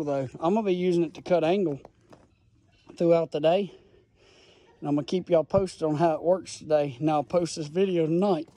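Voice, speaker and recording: A man with a high voice and dark tone reviews a tool with folksy enthusiasm and rambling explanations. He films on a handheld phone, first outdoors in a gravel yard, then in a garage.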